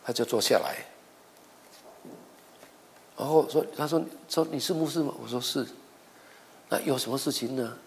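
A man's voice: medium pitch, normal speed, gravelly, pauses often, slight background noise. A middle-aged male pastor preaching a sermon, telling stories with acted-out dialogue and often repeating words as he goes. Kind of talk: sermon with storytelling.

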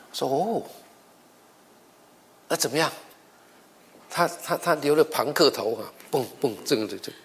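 A man's voice: medium pitch, creaky, a bit bright, a little hiss or hum. A middle-aged male pastor preaching a sermon, telling stories with acted-out dialogue and often repeating words as he goes. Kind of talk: sermon with storytelling.

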